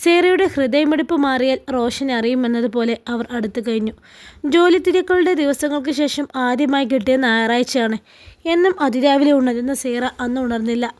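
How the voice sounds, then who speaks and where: A woman from Kerala reading a romance story aloud as narrator, in a calm, even storytelling manner. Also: high-pitched, fairly quick. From Kerala, India.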